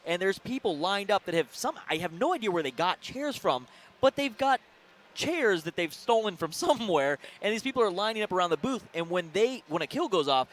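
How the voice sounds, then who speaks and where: A young man co-commentating a live esports event in a relaxed, joking way. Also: sits high, fairly quick. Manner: laid-back, joking, trails off and restarts. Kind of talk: casual live commentary banter.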